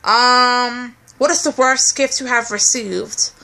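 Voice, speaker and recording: Bright young woman reading out questions. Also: on the high side, steady tone, slow pace, slight background noise. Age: 20s. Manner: reads out questions, chatty. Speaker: co-host. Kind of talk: casual chat.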